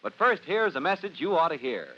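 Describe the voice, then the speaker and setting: A man's voice: fairly high pitch, very animated, a little fast, a bit bright, husky. A man narrating as a 1950s radio announcer, with dramatic, polished delivery. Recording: muffled old radio recording, faint noise.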